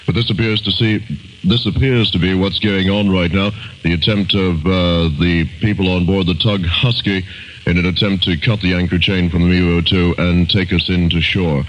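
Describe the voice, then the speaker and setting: A man's voice: sits low, steady tone, normal speed, rough recording. A man working as a disc jockey, announcing in an AM radio style on a 1970 broadcast.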